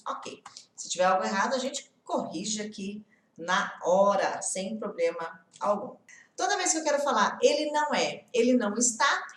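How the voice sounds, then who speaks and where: A woman teaching English live online in a chatty, playful way, acting out the questions her students might ask. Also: a little high. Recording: echoey room.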